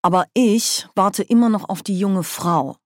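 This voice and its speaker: A woman reading a storybook puts on a vain, not very bright young duke who grumbles and whines at every turn. His complaints come out sulky and halting, full of little stumbles. The sound is dry and close. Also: mid-range voice, no echo, natural voice. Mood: petulant. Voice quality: whining, sulky. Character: petulant, vain, whiny young male duke.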